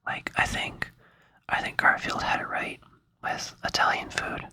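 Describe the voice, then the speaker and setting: With a breathy whisper pressed close to the mic, this ASMR creator rambles sleepily and hesitantly, keeping things playful and soothing. She speaks a little slowly, in a bright and forceful tone.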